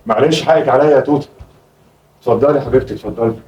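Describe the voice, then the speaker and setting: A man with an Egyptian Arabic accent rattles off his lines at a breakneck clip as a flustered, placating father in a home comedy sketch. His voice sits at an ordinary middle pitch. It is picked up from some distance away from the mic. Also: a little mellow, lo-fi sound. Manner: fast-talking, flustered and placating. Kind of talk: comic home sketch acting.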